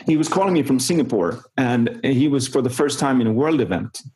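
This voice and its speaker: A man's voice: medium pitch, expressive, brisk, a little mellow, slightly rough. A man who works as a performance coach, telling an anecdote in an interview and animatedly acting out the dialogue with frequent chuckles. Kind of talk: conversational storytelling in an interview.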